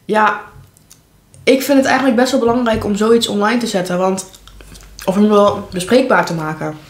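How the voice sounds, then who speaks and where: A woman's voice: medium pitch, normal speed. Young adult female vlogger, candid mukbang chat, mid-range voice, roomy home recording. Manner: candid, informal, talking between bites. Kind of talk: casual chat while eating, mukbang vlog. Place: living room at home, indoors. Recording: echoey room, clear background noise.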